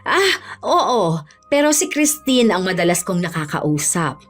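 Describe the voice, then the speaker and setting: A woman plays a shrewd old neighbor lady who seems to read minds. She speaks slowly and calmly, with a low, knowing voice. A faint music bed runs under the audio drama. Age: older. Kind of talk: radio drama acting.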